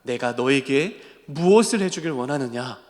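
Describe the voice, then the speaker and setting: A man voicing Jesus giving slow, measured commands, recorded in a church sanctuary. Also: medium pitch, lively intonation, pitched below the performer's own voice, natural voice. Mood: calm command. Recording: long church hall reverb.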